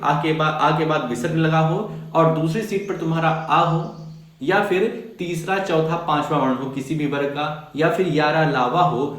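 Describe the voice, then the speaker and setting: A man's voice: fairly high pitch, a bit bright. Echoey male grammar teacher. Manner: repeats key points, asks the class questions. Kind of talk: grammar lesson for schoolchildren.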